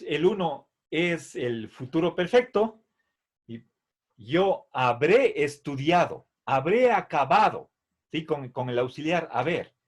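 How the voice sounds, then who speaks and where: Slow, patient Latin teacher, a man. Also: a little high. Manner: patient, repeats a questioning "¿sí?" after each point; drills verb forms slowly, syllable by syllable. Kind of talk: slow classroom explanation.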